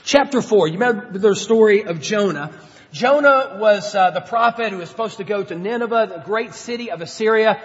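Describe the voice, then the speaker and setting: A man preaching a sermon in a conversational way, asking the congregation questions and swinging between quiet and loud. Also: high voice, fairly quick, in a large hall, muffled recording. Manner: conversational, rhetorical questions, dynamic swings in loudness. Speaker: pastor.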